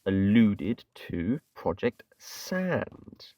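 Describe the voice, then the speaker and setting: The man, an English gaming channel host, speaks very slowly yet very animatedly in a fairly low, dark-toned voice. Casually rambling through his game, he's chatty and self-deprecating with many "kinda" fillers, recorded on a distant mic with no room sound.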